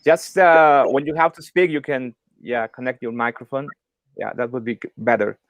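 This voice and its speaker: On an online video call, a man coaches English learners in an informal lesson as an exam coach and workshop presenter. His medium-pitched voice is steady and normally paced, recorded dry with no room sound or echo. He's encouraging and frequently checks in with "okay?" and "right?".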